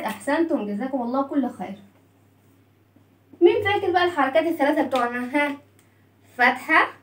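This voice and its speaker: A woman's voice: sits high, distant mic. A woman with an Egyptian Arabic accent teaching children letters, encouraging them and drilling sounds with questions. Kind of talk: kids' reading lesson. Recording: echoey room, away from mic.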